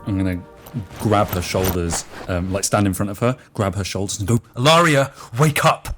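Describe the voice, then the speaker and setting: A man's voice: sits low, level tone, brisk, music in the background. A man playing a tabletop game, joking and rambling with stammered restarts. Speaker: player. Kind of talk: casual tabletop play.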